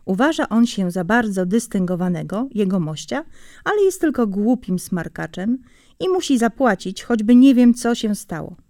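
A woman's voice: medium pitch, very animated, normal speed, mellow, dry recording, clean studio sound. A woman reading a storybook, voicing a clever, stubborn male hedgehog who is cunning and bossy. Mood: sly. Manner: cunning, bossy to his wife.

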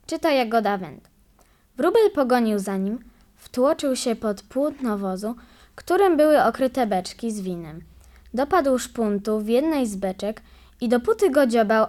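A woman narrating a folk tale for an audiobook in a measured, expressive way. Her voice sits a little high. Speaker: audiobook reader. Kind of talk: storytelling narration.

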